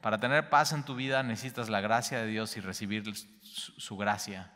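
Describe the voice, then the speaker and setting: A man's voice: on the low side, steady tone, normal speed, bright, forceful tone, in a large hall. A man teaching a Bible study as a pastor, repeating key phrases emphatically with small stumbles. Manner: repetitive, emphatic, slight stumbles.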